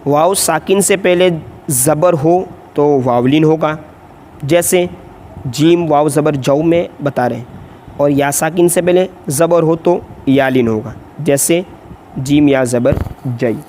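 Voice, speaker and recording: A man teaching a Quran reading lesson, explaining quickly and then chanting letter drills slowly and louder. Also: a little high, a little hiss or hum. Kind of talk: tutorial lesson with slow drawn-out drill recitation.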